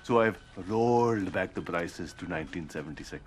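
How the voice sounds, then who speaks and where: An actor playing a proud, stingy older shopkeeper in a TV sitcom. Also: male voice, deep voice, expressive, moderate pace, a little hiss or hum. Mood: self-satisfied. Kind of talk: sitcom acting.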